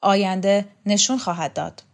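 A woman playing a cold, scheming male official in a read-aloud story. His replies come out curt and threatening, at a middle pitch with no lowered voice. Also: steady tone, vocal fry, close to an everyday voice.

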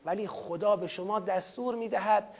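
A man with a strikingly high voice lectures on scripture. He recites verses in Arabic, then unpacks them with questions he answers himself. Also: gravelly. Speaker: Quran commentary teacher.

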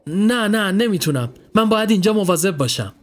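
A man's voice: high voice, expressive, voice pushed up. A man voicing a stubborn nine-year-old boy standing guard, answering tersely and defensively.

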